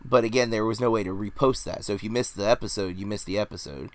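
A man in his forties with a somewhat low voice chats casually about a film. He rambles, hedges and fills pauses with "um" and "like" as a podcast host. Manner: rambling, hedging, many fillers. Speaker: podcast host reviewing films.

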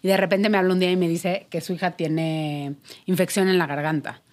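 A woman's voice: lowish voice, a little fast. A woman with a Mexican Spanish accent, co-hosting a casual chat podcast and telling stories with animation. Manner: animated storyteller, laughs while telling stories. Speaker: podcast co-host.

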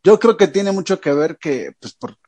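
Animated Mexican man telling a story. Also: sits high, moderate pace, husky. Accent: Mexican Spanish. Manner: animated storyteller, heavy slang, acts out quotes. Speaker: podcast co-host. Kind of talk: casual chat, reading listener questions.

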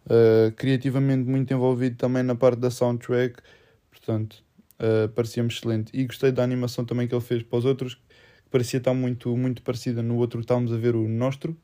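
A man's voice: medium pitch, flat delivery, fast talker, dark tone. A young man with a European Portuguese accent in casual conversation, mixing English phrases into his speech. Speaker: film discussion podcast co-host. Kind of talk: casual chat.

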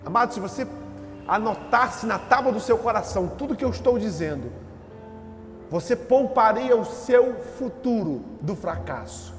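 Male pastor, very high voice, sermon in a church, shouts in bursts; roomy hall with faint music. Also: lively intonation, moderate pace. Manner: preaching with surges into shouting and repeated phrases.

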